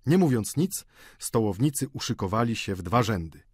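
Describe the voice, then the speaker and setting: A man narrating a classic novel audiobook in a measured, expressive storytelling manner on a close mic. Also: lowish voice, slightly rough, no room sound.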